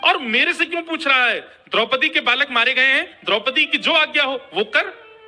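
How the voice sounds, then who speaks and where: Man voicing a calm god giving counsel. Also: very high-pitched, moderate pace, faint music behind, voice pushed up, exaggerated voice. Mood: firm. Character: calm male god advising a warrior.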